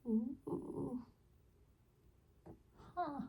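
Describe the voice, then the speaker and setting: A woman's voice: high voice, drawn-out words, dark tone, far from the mic. A woman chatting casually through a makeup tutorial as a beauty vlogger, rambling and trailing off with small laughs.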